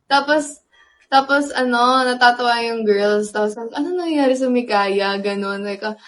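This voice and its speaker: A young woman with a Filipino accent, casually telling a story, animated and laughing as she acts out what was said. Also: on the high side, normal speed, rough recording. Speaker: pop group member.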